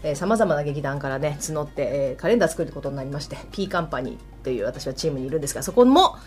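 Female guest, quick and playful, lowish voice, faint music bed. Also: lively intonation, a little mellow. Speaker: stage actress, radio guest. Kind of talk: casual radio announcement.

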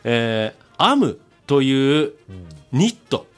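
Animated man hosting a radio show. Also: medium pitch, takes it slowly, clear, resonant tone, faint music behind. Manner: animated, chuckling, playful. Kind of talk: casual radio chat, reading listener emails.

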